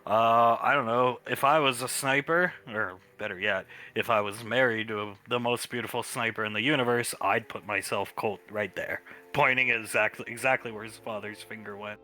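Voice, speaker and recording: A man's voice: on the low side, normal speed, hardly any pauses, pushed and bright, faint music behind. A man playing a blunt, wry military officer briefing his squad in a tabletop game, with an authoritative manner. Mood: considering, blunt.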